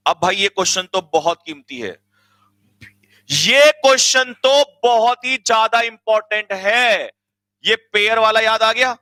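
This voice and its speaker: A man teaching grammar in an online exam-coaching lecture, energetic, urging his students to hurry and quizzing them with repeated questions. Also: very high-pitched, no echo.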